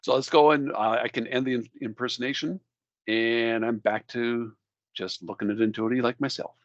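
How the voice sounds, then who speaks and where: A man with a Minnesota accent giving a casual software demo, talking through each step in a friendly way. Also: mid-range voice, fairly even intonation, moderate pace, no room sound, highs cut off. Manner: friendly, walks through steps out loud. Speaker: product demo presenter.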